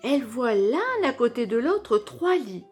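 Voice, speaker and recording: A woman reading a children's story aloud as a storyteller, slow and clearly paced. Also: a little high, very animated, darkish tone, faint music behind.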